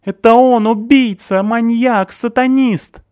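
A man voicing a shrill, cowardly and panicky young man, stammering and hysterical, in an audiobook reading. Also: moderate pace, a little mellow, lightly acted. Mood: accusing, shrill. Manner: hysterical, high-pitched and stammering.

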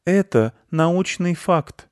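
A man's voice: medium pitch, expressive, unhurried, a little mellow, dry recording, clean studio sound, pitched above the performer's own voice, natural voice. A man voicing a haughty, pampered female house cat who speaks in a prim, condescending way.

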